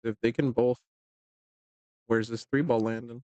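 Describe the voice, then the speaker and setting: A man calls a pool match in a loose, joking way, full of casual fillers. His voice sits at an ordinary middle pitch. The sound is close and dry, with no room echo. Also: steady tone, unhurried, dark tone, lo-fi sound. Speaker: pool commentator. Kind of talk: casual live commentary.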